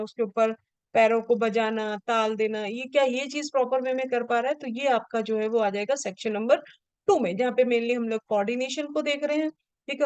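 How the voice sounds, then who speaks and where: A woman's voice: a little high, a little mellow, clear, resonant tone, no echo. Patient woman teaching with many check-ins. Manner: patient, checks in often with rhetorical questions. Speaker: special education teacher. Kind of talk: explaining an assessment form to students.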